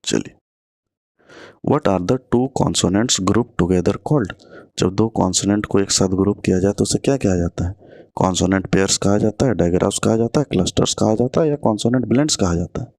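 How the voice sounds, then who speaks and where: Male teacher, low-pitched, reading exam questions deliberately, dry close recording. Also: vocal fry, darkish tone, no room sound. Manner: reads English questions slowly, then explains quickly in Hindi. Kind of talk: online exam-prep lesson.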